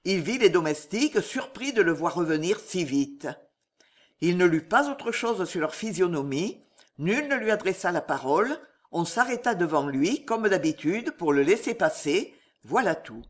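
An expressive audiobook narrator with a mid-pitched voice that rises and falls a great deal. The reading is dramatic and slows down at tense moments, giving weight to each line. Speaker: audiobook reader.

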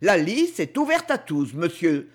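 A man's voice: on the high side, sing-song, a little slow. A man reading as an earnest, formal suitor. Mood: polite. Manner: courteous, formal, insistent.

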